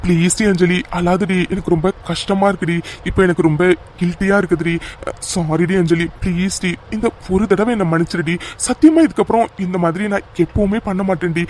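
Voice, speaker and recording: A wheedling young cartoon lover, as a voice actor plays him, mischievous and quick to beg forgiveness, piling on endearments. His voice sits in a middle pitch with a faint hiss of noise behind it. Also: steady tone, darkish tone, natural voice. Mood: pleading. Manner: wheedling, apologetic with repeated endearments. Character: young man, playful lover who fakes an injury. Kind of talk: cartoon voice acting.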